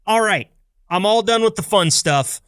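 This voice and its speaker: Recorded dry in a clean studio, this podcast host is an American man of about thirty-something whose clear, resonant voice sits high with a fairly bright tone. He's expressive at a moderate pace, delivering a loose, chatty intro with playful, upbeat banter.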